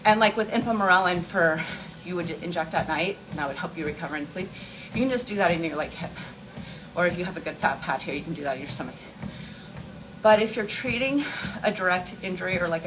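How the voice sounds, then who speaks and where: Over a noisy background, a woman with a lowish voice hosts a casual beauty and wellness livestream. She strolls on an inclined treadmill, fielding viewers' questions with informal, meandering explanations.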